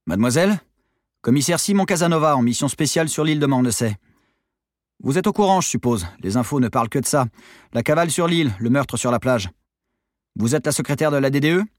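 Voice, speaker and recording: A man's voice: mid-range voice, animated, quick pace, no room sound, clean studio sound, close to an everyday voice. A man voicing an impatient, insistent male police commissioner in an audiobook reading. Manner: insistent, commanding.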